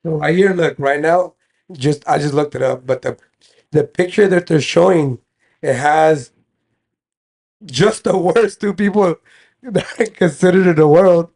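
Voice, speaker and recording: A young man co-hosting a casual podcast chat, explaining things in a halting way as he reads lists off his phone. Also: fairly high pitch, a little mellow. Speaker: podcast co-host.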